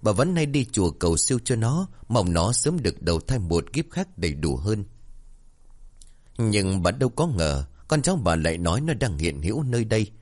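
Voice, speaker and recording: A man narrating a dramatic ghost story in an expressive storytelling style. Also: lowish voice, normal speed.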